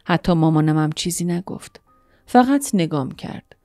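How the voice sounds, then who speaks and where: A woman narrating a first-person story in a soft, emotional, intimate way. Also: deep voice, lively intonation, dry recording. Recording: dry studio voice-over with soft music.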